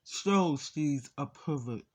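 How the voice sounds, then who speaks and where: Slow-talking man with his mouth full. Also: fairly high pitch, expressive, darkish tone. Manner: talking with mouth full while eating, in short halting phrases; aggrieved, insistent, repeating phrases. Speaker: vlogger. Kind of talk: casual mukbang storytime.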